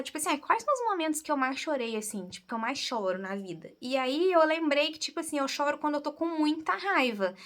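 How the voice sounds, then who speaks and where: A woman's voice: high-pitched, sharp tone. A woman with a Brazilian Portuguese accent hosting a podcast, thinking aloud in a candid, reflective casual monologue. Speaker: podcast host.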